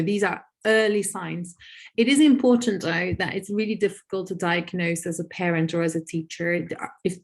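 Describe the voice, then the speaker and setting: Speaking over a video call, a woman who is a native Dutch speaker answers audience questions as a researcher in a webinar Q&A. Her voice sits a little low; she explains patiently and thoughtfully, listing examples and pausing often with soft "um" fillers to gather her thoughts.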